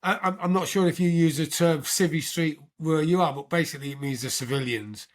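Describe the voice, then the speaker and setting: British man in his sixties, high-pitched voice, animated interview storyteller, keeps asking "right?". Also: brisk. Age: 60s. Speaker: podcast guest, military veteran.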